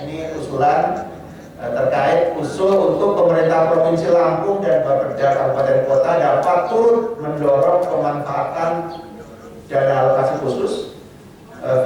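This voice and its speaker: A man with a warm, mid-range voice moderates a public consultation forum, reading out chat questions with many hesitant fillers. He's heard from a distance in a meeting room, through an echoey mic with faint noise.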